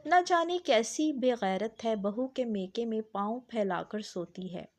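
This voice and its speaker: A woman's voice: fairly high pitch, animated, close to an everyday voice. A woman voicing a resentful older mother who complains with scorn about her family. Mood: scornful.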